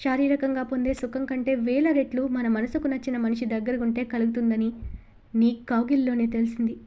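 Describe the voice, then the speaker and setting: A woman's voice: high-pitched, fairly quick, a little mellow, natural voice. A woman voicing a young man, an ardent and tender loving husband, in an audiobook novel reading, with a fond, coaxing manner. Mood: soothing.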